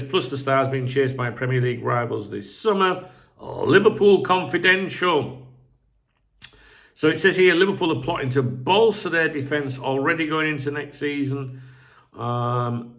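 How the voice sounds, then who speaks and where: A man with a medium-pitched, slightly bright voice hosts a football channel, chatting and rambling casually. He often clears his throat and swears offhandedly, sounding a bit croaky from a sore throat.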